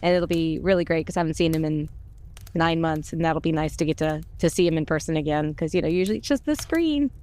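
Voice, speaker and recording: Low-pitched, fast and darkish, this middle-aged woman's voice carries her relaxed storytelling. An audio drama voice actor and podcast cast member, she chats exuberantly and pokes fun at herself.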